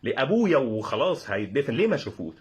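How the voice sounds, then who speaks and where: A young man with an Egyptian accent tells a funny personal story with exasperated sarcasm. His voice is husky and very animated, and he rattles the words off at a breakneck pace. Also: medium pitch, very fast. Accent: Egyptian Arabic. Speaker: comedic storyteller.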